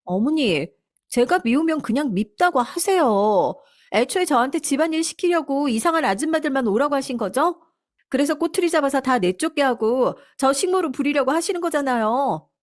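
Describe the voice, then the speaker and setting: Play a spoiled young wife, pitched well up, sneering and contemptuous at everyone around her, as in a storybook drama, with a woman putting her on. Keep it dry and close. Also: expressive, normal speed, dry recording. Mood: whiny. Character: rude spoiled young wife, shrill and scornful.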